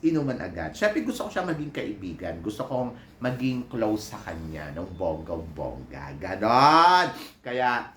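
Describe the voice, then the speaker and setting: A man's voice: medium pitch, sing-song, moderate pace, slight background noise. A man vlogging in a casual, playful and gossipy way, his voice stuffy and nasal from a cold. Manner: playful, campy and gossipy, teasing asides. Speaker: vlogger and PE teacher. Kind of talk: casual chatty vlog. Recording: roomy echoey room with faint ambience.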